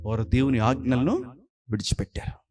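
A man preaching a sermon as pastor, scolding his listeners with rapid-fire rhetorical questions. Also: medium pitch, expressive.

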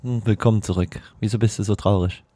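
A man who casts esports, chatting casually and excitedly while streaming his gameplay, swearing and laughing often. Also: fairly low pitch, fast talker, breathy edge, no room sound. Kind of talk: casual gaming chat. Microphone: desk microphone on a streaming PC.

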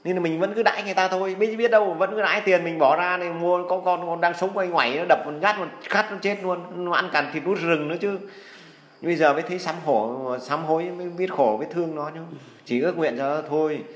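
A man's voice: fairly high pitch, fast, reverberant. A man giving earnest, folksy Buddhist advice in a casual, preachy way. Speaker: healer giving spiritual advice.

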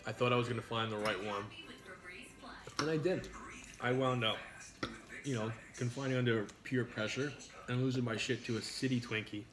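A man's voice: medium pitch, steady tone, normal speed, long pauses, a crowd in the background. Crude joking man in his thirties. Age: 30s. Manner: crude, joking, reads viewer names aloud. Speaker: mukbang streamer. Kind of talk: casual live-stream chat while eating. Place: home kitchen at a dining table.

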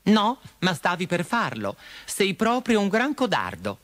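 A man's voice: a little high, lively intonation, normal speed, fairly bright tone, dry recording, pitched above the performer's own voice. A man voicing a brave little girl in a storybook reading, raising his voice into an indignant, earnest tone. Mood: scolding. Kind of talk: storybook character voice.

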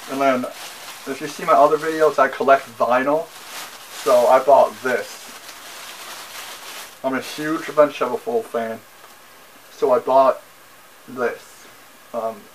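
A man's voice: medium pitch, slight background noise, low-quality recording. A young man vlogging from his small bedroom, showing off his purchases in a rambling, casual way with lots of ums and repeats, talking to a camera mic. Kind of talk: casual haul video. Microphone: camera mic, seated facing camera.

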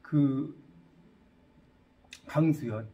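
A middle-aged man teaches English in Korean with a mid-range voice and drawn-out words, recorded in lo-fi sound. His classroom lecture is lively, with student quizzing and jokes.

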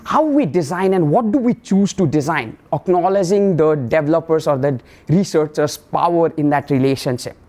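A man, giving an academic lecture in a classroom in a measured, explanatory way with frequent fillers. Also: on the high side, expressive, darkish tone. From Nepal. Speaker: professor giving a colloquium talk.

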